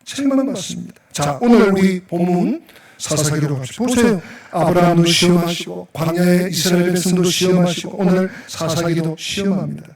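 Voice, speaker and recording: A male pastor preaching a sermon in a church sanctuary, animated and full of rhetorical questions. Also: high voice, normal speed. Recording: echoey church hall, distant mic.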